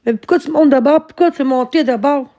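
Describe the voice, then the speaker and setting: Québécois woman livestreamer, high voice, profane, repetitive rant with sudden yelling. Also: fast. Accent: Québécois French. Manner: swears constantly, rants and repeats herself; bursts into shouting. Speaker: livestreamer answering her chat. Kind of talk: live-stream rant.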